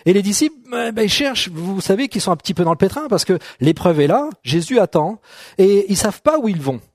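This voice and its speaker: A middle-aged man delivers a sermon in a relaxed, conversational way, often asking "d'accord?" and joking with the people in front of him. His voice sits a little high for a man, and the sound is dry and close. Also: a little fast, no echo. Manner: conversational, checks in with "d'accord?", jokes with the congregation. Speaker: preacher. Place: church hall.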